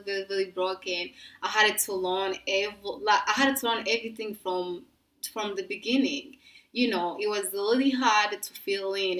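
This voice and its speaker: A woman's voice: medium pitch, a bit bright. Young woman vlogging, roomy and distant. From East Africa. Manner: rambling, many restarts and fillers. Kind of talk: casual talk to camera.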